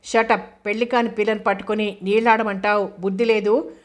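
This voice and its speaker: A playful, talkative young woman lecturer who teases and tosses English phrases into her banter, read by a woman narrator. The delivery stays even and flat in pitch, at a middle height. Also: close to an everyday voice. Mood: teasing. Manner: rapid, teasing banter mixed with English phrases.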